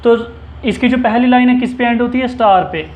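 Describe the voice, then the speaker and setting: High-voiced Indian man teaching English. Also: a little mellow. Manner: explains slowly and asks the class questions. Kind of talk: lecture to students mixing Hindi and English. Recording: echoey room, dull sound.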